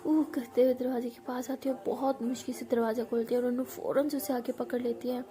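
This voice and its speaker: A woman's voice: fairly high pitch, little pitch movement, fairly quick, mellow. A woman narrating a love story in a chatty, informal storytelling voice. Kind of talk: casual spoken storytelling. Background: background music.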